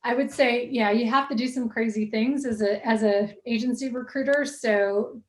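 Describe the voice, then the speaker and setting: Lively woman recruiter telling stories. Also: on the high side, moderate pace, a little hiss or hum. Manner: animated, laughing often. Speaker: guest, recruiter. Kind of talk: casual storytelling in an interview.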